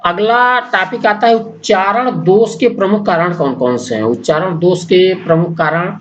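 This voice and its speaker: A male teacher giving an exam-prep lecture, slowly listing points one by one with pauses between them. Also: high-pitched, muffled recording. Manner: slow, deliberate, pausing between list items.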